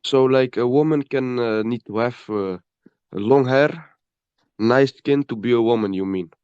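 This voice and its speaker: A man with a medium-pitched, somewhat dark voice argues heatedly as a stranger in an online debate, halting, repeating words, and sounding blunt and dismissive. The audio is dry and muffled but clean, with no room sound.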